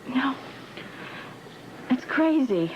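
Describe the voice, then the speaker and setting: A woman's voice: high voice, very animated, very slow, a little hiss or hum, exaggerated voice. An actress playing a proud, defensive, guarded young woman in a television soap opera. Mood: disbelieving. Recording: dull old TV soundtrack, music underneath.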